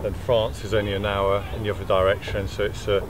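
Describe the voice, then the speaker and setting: A man's voice: lowish voice, flat delivery, fast talker. A man in his thirties, from Belgium, talking casually and hesitantly with many fillers while walking through the countryside valley. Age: 30s. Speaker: furniture maker. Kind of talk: outdoor walking vlog. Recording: noisy outdoor recording.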